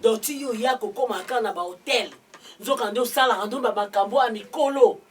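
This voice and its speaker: An actress playing a scolding auntie in Kinshasa, speaking Congolese-accented French mixed with Lingala. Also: female voice, fairly high pitch, a little fast, breathy edge, far from the mic. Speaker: aunt. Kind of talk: film dialogue. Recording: noisy, voice from off-mic.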